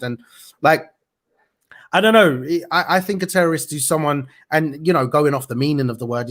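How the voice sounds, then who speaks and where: A man hosting a news show, speaking earnestly and haltingly with many fillers. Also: on the high side. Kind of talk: interview talk.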